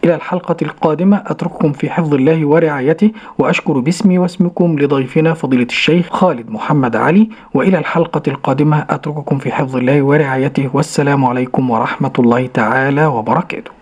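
A man hosting a religious program, putting quick questions to his guest and repeating each word slowly after him. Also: fairly high pitch, darkish tone, slightly rough. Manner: quick questions, slow careful repetition. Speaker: program host. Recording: dull lo-fi broadcast sound.

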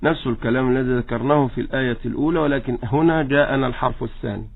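A man with an Egyptian accent teaching Quran recitation in a radio lesson, slowly demonstrating each example. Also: mid-range voice, vocal fry, husky. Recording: tinny phone-like radio line.

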